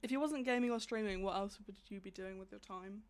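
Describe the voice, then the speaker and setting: A woman's voice: mid-range voice, quick pace. A young woman hosting a casual podcast chat, giggly and encouraging toward her guest. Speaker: podcast host.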